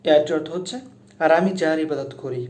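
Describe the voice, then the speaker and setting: A man teaching Quran recitation step by step, explaining how each letter is said before chanting each verse slowly and loudly. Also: a little high. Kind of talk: slow step-by-step recitation lesson. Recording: echoey room.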